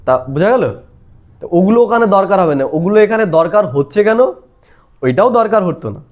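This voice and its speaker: Male spiritual teacher, high-pitched, patient explanatory delivery with frequent rhetorical questions. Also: lively intonation, fairly quick. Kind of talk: devotional explanation of a daily lesson.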